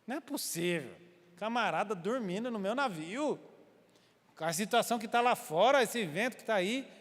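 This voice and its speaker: A man voicing a gruff ship captain who is alarmed and impatient, speaking with blunt urgency. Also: fairly high pitch, huge pitch swings, normal speed, heavily acted. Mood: incredulous. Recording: long church-hall reverb.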